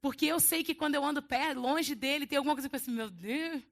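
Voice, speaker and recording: A woman with a Brazilian Portuguese accent preaching a conversational sermon to a church congregation, animated and full of casual asides. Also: high voice, quick pace, gravelly. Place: church service before a congregation.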